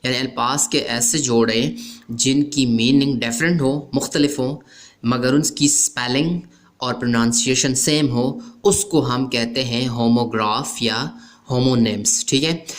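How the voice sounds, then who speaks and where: A man's voice: medium pitch, a little slow. A man teaching an English grammar lesson, explaining terms methodically and repeatedly checking in with "okay" after each point. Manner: mixes English terms into everyday speech. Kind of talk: explaining a grammar lesson over written examples.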